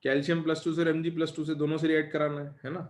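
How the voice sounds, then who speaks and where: A male chemistry teacher giving a live lecture, dictating questions slowly and chatting with his students. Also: fairly high pitch, level tone, a little mellow, roomy sound.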